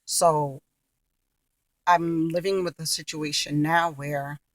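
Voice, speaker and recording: A woman's voice: deep voice, fairly even intonation, slow, dry recording, recorded from a distance. A middle-aged woman talking casually and candidly to camera as a vlogger, earnest and chewing gum as she speaks. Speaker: vlogger sharing her health journey. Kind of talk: casual personal talk to camera.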